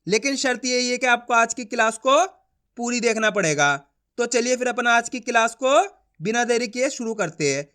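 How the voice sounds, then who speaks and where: A man teaches beginners to read Hindi in an online lesson, addressing viewers as friends, patiently repeating each point, slowly sounding out syllables, and checking their understanding. His very high voice is bright, forceful, clear, and resonant, with lively intonation.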